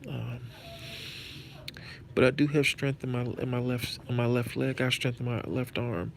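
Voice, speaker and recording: A man chatting casually to viewers as a streamer, halting and repeating phrases, his speech slightly thick from a numb tongue and face after a stroke. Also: medium pitch, steady tone, vocal fry. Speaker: live-streaming host. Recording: noticeable background noise.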